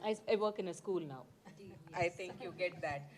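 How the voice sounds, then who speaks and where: A woman's voice: lowish voice, a little fast. A woman moderating a live panel informally, chatty and playful with frequent asides. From Mysore, India.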